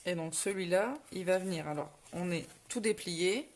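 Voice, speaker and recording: A woman's voice: fairly low pitch, moderate pace. Chatty woman with a Ch'ti accent. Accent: Ch'ti (northern French). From northern France. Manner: chatty, self-correcting, many fillers, reads viewer comments aloud. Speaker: crafting host on a live stream. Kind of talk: casual live crafting tutorial.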